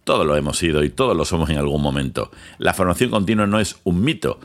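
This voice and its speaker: A man hosting his podcast in a monologue, with dramatic pauses, slow emphatic phrases and quick lists, speaking into a studio mic. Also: low voice, animated. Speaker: podcast host, lawyer. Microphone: studio microphone with headphones.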